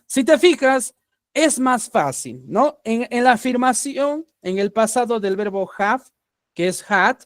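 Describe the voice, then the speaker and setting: A man's voice: high voice, no room sound, clean studio sound. A man with a Peruvian Spanish accent teaching English grammar in an online class, patiently checking understanding with a rising question after each point.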